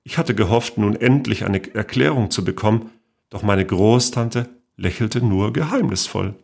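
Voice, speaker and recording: Gravelly man reading a story. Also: fairly low pitch, normal speed, darkish tone. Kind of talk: first-person story reading.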